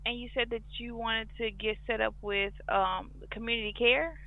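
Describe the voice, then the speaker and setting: A woman's voice: a little high, steady tone, normal speed. A woman working as a clinic phone agent, taking details on a customer service call. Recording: tinny phone line with hum.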